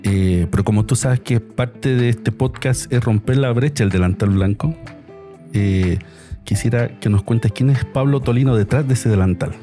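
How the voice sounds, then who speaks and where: A man hosting a podcast, talking in a relaxed, friendly way. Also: mid-range voice, moderate pace, soft background music. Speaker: podcast host, surgeon. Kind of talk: casual interview chat.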